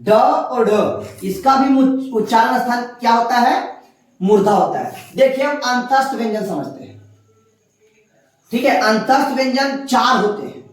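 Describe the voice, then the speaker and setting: A woman teacher explaining a lesson patiently, step by step, sounding out letters slowly at a writing board. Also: on the high side, animated, distant mic. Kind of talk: classroom lesson. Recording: very echoey room, voice off-mic.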